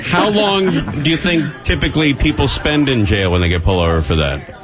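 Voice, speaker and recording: Animated male radio host trading banter. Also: mid-range voice, brisk, over a noisy crowd. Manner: joking, teasing.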